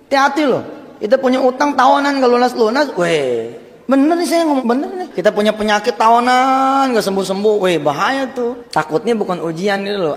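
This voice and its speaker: A man preaching a sermon, telling stories in a lively way and swinging from loud emphasis to hushed, confiding tones. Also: fairly high pitch. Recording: long hall reverb.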